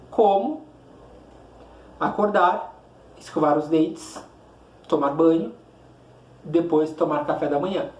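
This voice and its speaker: High-voiced teacher in echoey room. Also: male voice, darkish tone, highs cut off. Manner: didactic, asks and answers his own questions. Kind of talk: online classroom lecture.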